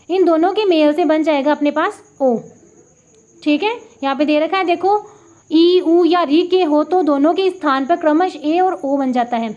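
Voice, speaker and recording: A woman with a high, darkish voice and a Rajasthani Hindi accent teaches a classroom lesson on grammar examples. Step by step, she slowly repeats each sound and points it out on the board. Expect dull, lo-fi sound.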